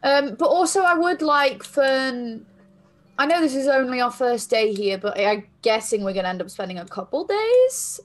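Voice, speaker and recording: Higher-pitched woman chatting as game player. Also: big pitch swings, moderate pace. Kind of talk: casual game chat.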